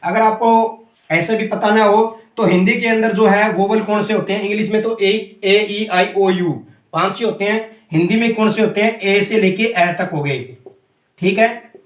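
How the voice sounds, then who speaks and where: A man's voice: sits high, steady tone, normal speed, reverberant. A man teaching English grammar in a classroom-style lesson, explaining step by step and often checking that students follow. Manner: explains step by step, keeps asking "clear?".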